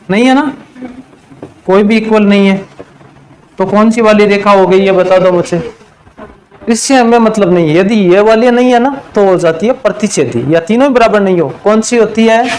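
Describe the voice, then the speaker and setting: A male math teacher giving a classroom lesson, quizzing his students and answering his own questions, and drawing out the key terms slowly. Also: high-pitched, a little hiss or hum, poor audio. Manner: slows to a drawn-out pace on key terms.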